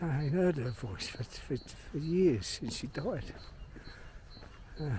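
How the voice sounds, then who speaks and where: A middle-aged vlogger-filmmaker from London wanders a park, chatting bluntly and swearing in a casual, rambling monologue to himself. He speaks slowly in a dark-toned, fairly high voice with lively intonation, and birdsong and outdoor noise are audible.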